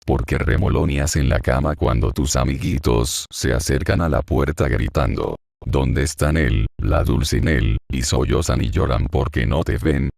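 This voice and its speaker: A man's voice: very deep voice, a little slow, vocal fry, hardly any pauses, a little mellow, no echo, clean studio sound, heavily acted. A man reading the part of a grieving, confused old man in an audiobook, murmuring in a hollow voice as if talking to himself. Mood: tender, dazed.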